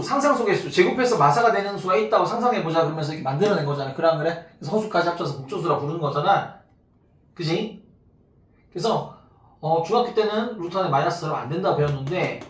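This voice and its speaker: A man teaching a math class to students, talking casually and constantly checking that they follow. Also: high-pitched. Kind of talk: classroom lecture. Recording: echoey room, mic far off, faint noise.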